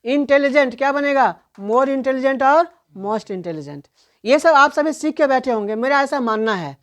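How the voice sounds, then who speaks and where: A woman teaching an online English grammar lesson, asking questions and answering them herself, and reading out English examples slowly. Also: sits high, animated. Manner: explains in Hindi, reads English examples slowly.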